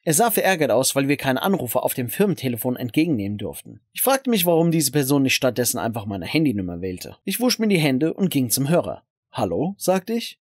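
A man's voice: medium pitch, very animated, quick pace, hardly any pauses, dry recording, studio quality. A man narrating a first-person story in a scripted, dramatic way.

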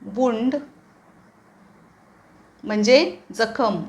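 A woman with a Marathi accent teaching English vocabulary, spelling each word out letter by letter and explaining it plainly. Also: on the high side. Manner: spells words out letter by letter, slow and careful. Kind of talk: vocabulary lesson.

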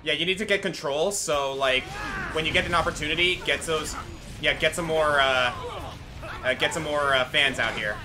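A man chatting casually as he guides someone through a video game, giving halting step-by-step directions, with game music behind him. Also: on the high side. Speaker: co-commentator guiding the player. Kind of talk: casual let's play chat. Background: video game music and battle audio.

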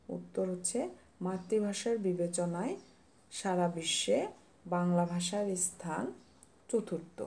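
Slow teacher lady, gravelly voice, explains it all patiently bit by bit. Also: medium pitch, mellow. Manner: slow, explains step by step with quiz questions. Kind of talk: classroom lesson reading notes.

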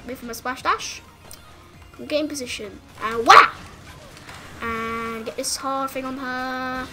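A woman giving excited gameplay commentary as a gaming channel host, breaking into shouts and yelps at the action. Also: high-pitched, slow pace, over music.

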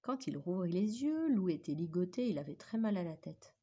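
A woman teacher reading a children's story aloud with animated, expressive storytelling. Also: on the low side, normal speed, a little hiss or hum.

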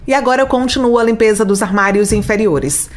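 A woman's voice: on the high side, brisk. A young woman with a Brazilian Portuguese accent, narrating a home-cleaning vlog over footage and chatting directly to her viewers. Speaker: home organization vlogger.

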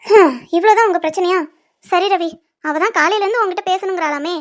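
A woman's voice: very high-pitched, brisk. A woman voicing a loyal, exasperated young woman in a cartoon serial, scolding and insistent.

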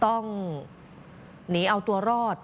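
A woman's voice: takes it slowly, long reverb tail, slight background noise. A woman anchoring the news, commenting expressively and speaking straight to the viewers. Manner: expressive, talks directly to viewers.

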